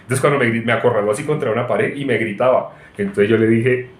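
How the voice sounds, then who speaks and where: A middle-aged man preaching an informal sermon, telling personal stories in an animated way with frequent laughs. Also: medium pitch, fast. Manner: animated, tells anecdotes, mocks voices, frequent laughs. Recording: echoey room.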